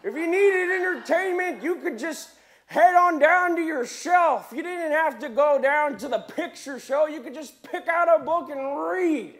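A cranky old-timer griping about modern gadgets and lost respect, as a man puts him on. His voice sits very high and thin for a man, and he drawls along at a slow, dragging pace, rambling in folksy asides. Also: a bit bright, heavily acted. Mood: grumbling. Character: grumpy nostalgic old man, complaining about modern times. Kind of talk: comic character monologue.

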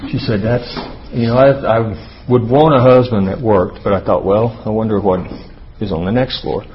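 A man speaking in a conversational sermon style, telling stories in a casual, folksy way with pauses. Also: lowish voice. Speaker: speaker at a church or marriage talk. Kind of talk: conversational sermon with joke storytelling. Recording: dull lo-fi audio, faint background noise.

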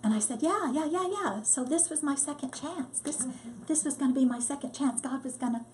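An older woman, a disaster relief volunteer, telling her story in a lively, casual way and acting out what people said. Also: sits high, a little fast, slight background noise. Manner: lively storyteller, acts out quotes. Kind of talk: casual testimony.

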